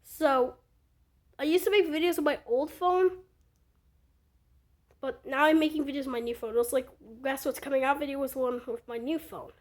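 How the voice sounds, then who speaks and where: A woman with a slightly raspy voice, chatting casually about her fire alarm collection and rambling with lots of fillers, recorded on a phone. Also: sits high, fairly even intonation, normal speed, long pauses. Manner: rambling, with many fillers and restarts. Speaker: fire alarm hobby vlogger. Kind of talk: casual show-and-tell chat.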